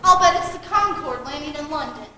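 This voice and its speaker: Teen girl doing a dry skeptical mom, super high bright voice, distant and echoey on stage. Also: expressive, brisk, slight background noise, exaggerated voice. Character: skeptical mother, impatient with the group. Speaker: actor in a high school play. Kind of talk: amateur stage acting. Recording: echoey school stage, far from mic.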